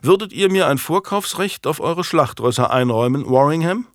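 A man's voice: on the high side, animated, moderate pace, no room sound, clean studio sound, pitched above the performer's own voice, lightly acted. A man voicing a genial young king. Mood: self-assured. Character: young English king, genial and self-assured. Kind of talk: audiobook character voice.

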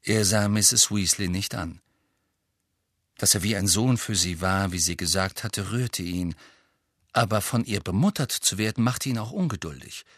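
A man narrating a novel aloud in an expressive reading style. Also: fairly low pitch, moderate pace, no echo, studio quality. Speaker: audiobook narrator. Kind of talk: scripted narration.

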